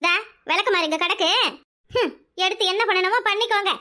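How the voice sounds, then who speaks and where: A put-upon, sharp-tongued village daughter-in-law, as a woman voices her in a cartoon. Her voice is very high, bright and tense, and her talk runs fast in a Kanyakumari Tamil accent. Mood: grumbling. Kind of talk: cartoon voice acting.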